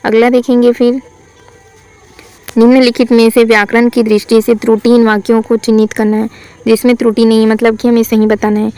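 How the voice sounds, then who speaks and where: A woman teaching a Hindi grammar lesson for exam practice. She reads sentences out slowly, asks what is wrong and answers herself. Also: a little high, flat delivery, mellow, soft background music, low-quality recording. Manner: asks questions then answers them herself.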